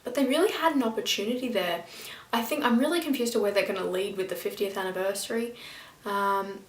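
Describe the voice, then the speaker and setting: An excitable young woman rambles through a casual fan review, full of fillers and side comments. Her voice sits a bit back from the mic, and the room around her rings with a noticeable echo. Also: mid-range voice, brisk, far from the mic. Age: young, still in school. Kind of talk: casual chatty review vlog. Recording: roomy echo, voice a little off-mic.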